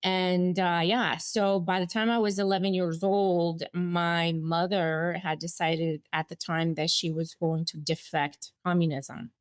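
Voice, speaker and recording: In a clean, echo-free studio recording, a woman in her forties recounts her life as an interview guest: born in Bulgaria, raised in the United States. Her fairly low, fairly even voice is unhurried with few pauses, and her telling is candid and reflective, marked by small laughs and restarts.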